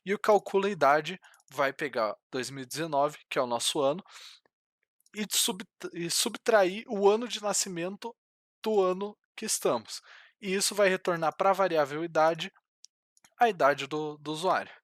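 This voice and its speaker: A man's voice: fairly high pitch, normal speed, a bit bright, no echo, clean studio sound. A young man from Brazil teaching programming over a screen recording, hesitant with many fillers and restarts. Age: young adult. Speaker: programming tutor. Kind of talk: screen-recorded coding tutorial.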